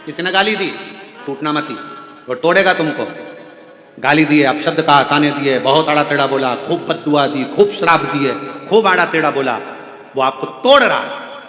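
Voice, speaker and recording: A man delivering a devotional sermon, his sing-song voice swinging from loud exclamations to soft low passages as he asks the crowd questions. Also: animated, normal speed. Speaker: religious storyteller. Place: large venue with audience. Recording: echoey hall with faint music.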